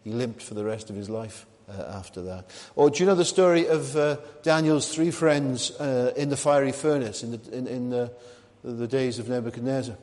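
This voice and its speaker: A man preaches a sermon in an easy, conversational way, often turning to ask his listeners questions. His voice sits in a middle pitch, and a long hall reverb trails each phrase. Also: moderate pace, hardly any pauses, a little mellow. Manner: conversational, asks the listeners questions, frequent ums and restarts.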